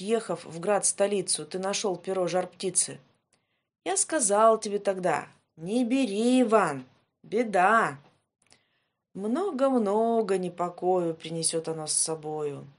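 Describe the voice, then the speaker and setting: A woman voicing a kind, wise little humpbacked horse in a fairy-tale reading. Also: medium pitch. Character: small kind humpbacked magic pony, wise friend.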